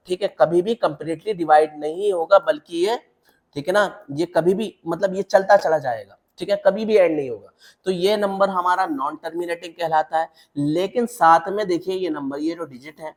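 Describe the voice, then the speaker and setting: A man teaching a maths lesson, walking step by step through examples and checking in with the class. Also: on the high side. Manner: repetitive checks with the class, mixing English terms into Hindi. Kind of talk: classroom lecture.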